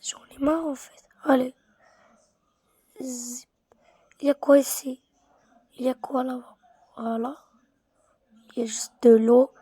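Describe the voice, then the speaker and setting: A woman in a dry, close recording talks her way through a game at an unhurried pace. She keeps half-whispering to herself, repeating the same words over and over. Her voice sits a little high and she comes across as easily bored. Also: warm tone, slightly rough, no room sound. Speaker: gaming streamer. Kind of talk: casual gameplay commentary.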